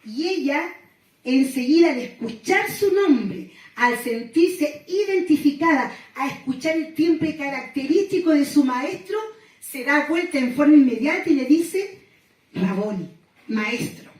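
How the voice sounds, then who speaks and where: A woman pastor from Chile giving a sermon reflection, telling the story gently and pausing often. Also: high voice, lively intonation. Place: small gathering room. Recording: echoey room, voice from far off.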